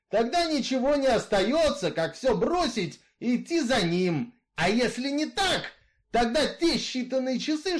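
A man voicing a bitter, brooding male outlaw killer in a read-aloud story, in a rough folksy way of talking. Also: high voice, darkish tone, pitched above the performer's own voice. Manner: rough folksy drawl, brooding, growling at times.

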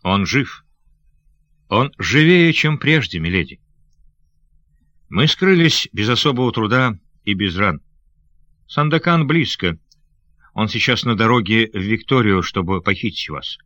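A man voicing a brave, gallant male adventurer who speaks with courteous, steady reassurance. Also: on the low side, measured pace, long pauses, dry recording, pitched above the performer's own voice. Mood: reassuring.

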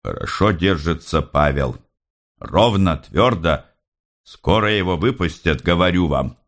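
A man voicing a warm, outspoken young male revolutionary in an easy, talkative and friendly way. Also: low-pitched, lively intonation, a little slow. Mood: reassuring.

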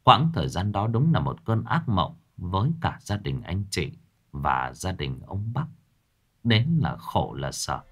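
Male narrator for a horror audiobook; dramatic telling with lively, rising and falling pitch. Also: a little slow, slightly rough. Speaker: storyteller.

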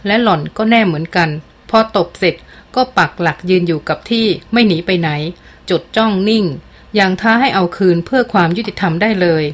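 A woman reads a dramatic novel aloud as an audiobook narrator, measured and expressive. Her voice sits at an ordinary middle pitch, and she keeps an even, deliberate storytelling pace.

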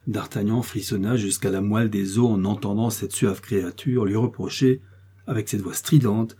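A man narrating a classic novel in a measured, expressive reading. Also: lowish voice, breathy edge. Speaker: audiobook narrator. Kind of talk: literary audiobook narration.

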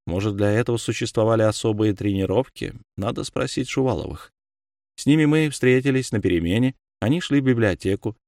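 A man narrating an audiobook in the first person, calm and measured. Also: lowish voice, no echo, clean studio sound.

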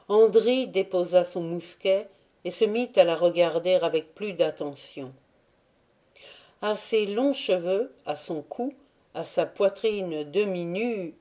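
A woman reading a classic novel aloud as an audiobook narrator, in a slow, measured way. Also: fairly low pitch, warm tone. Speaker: audiobook reader. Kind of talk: scripted narration.

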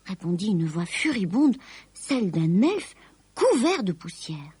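A woman reading a children's story aloud in a slow, expressive, lilting way. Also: medium pitch, breathy edge, dry recording.

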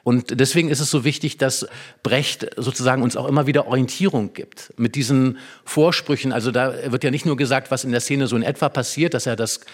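This literary expert, a man with a mid-pitched voice, talks a little fast in conversation. He builds his explanations step by step, adds illustrations, and keeps checking in with brief tag questions.

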